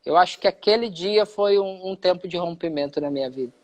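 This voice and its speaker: A man's voice: high-pitched, brisk, darkish tone. A man with a Brazilian Portuguese accent, a pastor giving a personal testimony in a live conversation, who acts out the dialogue he quotes.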